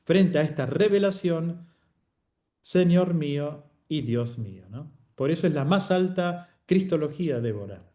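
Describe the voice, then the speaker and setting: A man's voice: a little high, animated, unhurried, dark tone. A man teaching a Bible course, explaining patiently and often checking in with short tag questions.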